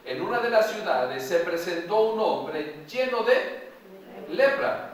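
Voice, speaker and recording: A male pastor from Mexico preaching a sermon slowly and emphatically, repeating phrases and putting questions to the congregation. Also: high voice, animated, slight background noise. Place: large church hall. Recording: echoey hall, voice from far off.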